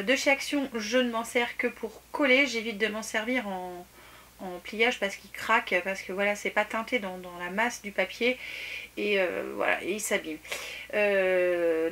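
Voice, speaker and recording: A woman's voice: medium pitch, bright, forceful tone. A woman vlogger chatting casually about a shopping haul, often restarting her sentences and laughing at herself.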